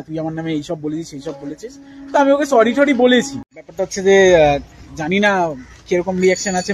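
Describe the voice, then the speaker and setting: A man's voice: high voice, slightly rough, poor audio. A young man, talking casually to camera as a vlogger, rambling with many fillers and restarts. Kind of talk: casual vlog talk to camera.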